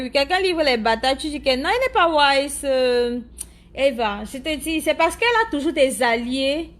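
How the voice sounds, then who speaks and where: A woman with a high voice and an African French accent talks casually to her followers about online drama. She circles her points, pauses to search for the right word and says things twice. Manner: chatty, searching for words, repeats herself. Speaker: live streamer answering viewers' comments. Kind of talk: casual chat commentary.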